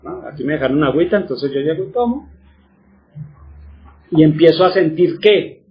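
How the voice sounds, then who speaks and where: A man's voice: a little high, animated, brisk, dull audio. A man giving a religious teaching, who keeps asking his listeners questions and then answers them himself.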